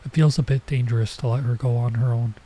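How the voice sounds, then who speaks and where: This fast-talking streamer has a warm mid-range voice with fairly even intonation. As he plays a visual novel and chats in a casual let's play style, a developing cold makes him sound nasal and stuffed up, and he keeps wandering into rambling asides.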